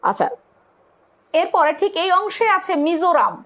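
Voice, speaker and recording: A young woman with a Bangladeshi Bengali accent teaches an online exam-prep class. Her voice sits very high, and she talks in a casual, colloquial way, posing questions and then answering them herself. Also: sing-song, normal speed, fairly bright tone. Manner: explains step by step, asks and answers own questions; colloquial, urges viewers to comment.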